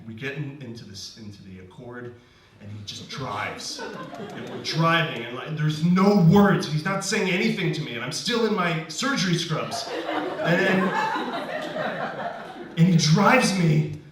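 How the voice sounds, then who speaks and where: A man's voice: fairly high pitch, animated, unhurried, a bit bright. A man telling a personal story live on stage, talking in a loose conversational way full of restarts and "like.". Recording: very echoey room, distant mic, faint hiss.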